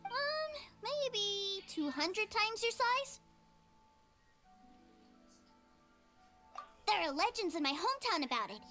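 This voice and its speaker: A woman voicing a curious, innocent, excitable little boy in a video game, with a naive, wide-eyed manner. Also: very high-pitched, measured pace, faint music behind, exaggerated voice. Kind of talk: animated game character dialogue.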